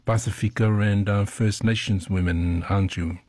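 A man hosting a radio interview program, asking questions in an unhurried way with many pauses and fillers. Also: lowish voice, steady tone, darkish tone, no echo.

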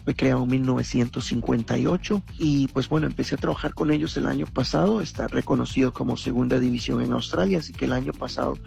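A former footballer from Costa Rica, speaking with a Costa Rican accent, answers interview questions earnestly, with many fillers. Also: male voice, mid-range voice, quick pace, creaky, few pauses, darkish tone, soft background music. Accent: Costa Rican Spanish. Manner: earnest, reflective, with frequent fillers.

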